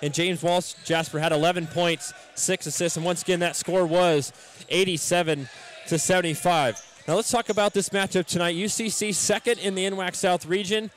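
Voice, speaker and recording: A man's voice: high-pitched, steady tone, normal speed, slight background noise. A man hosting a college basketball broadcast, welcoming listeners and running through stats with some fillers. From United States. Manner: scripted welcome, stat rundown with fillers. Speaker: play-by-play announcer. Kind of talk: pregame sports broadcast.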